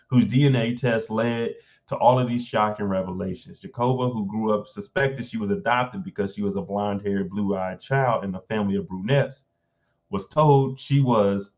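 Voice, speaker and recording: A man's voice: lowish voice, a little mellow, lo-fi sound. A man hosting a casual live stream, reading an article aloud and breaking off to react with blunt, informal asides.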